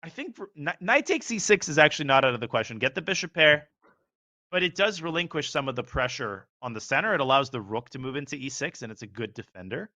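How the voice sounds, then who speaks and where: A man's voice: mid-range voice, sing-song, sharp tone, highs cut off. A man commentating live chess, analyzing positions and rattling off moves. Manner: analytical, calls moves rapidly.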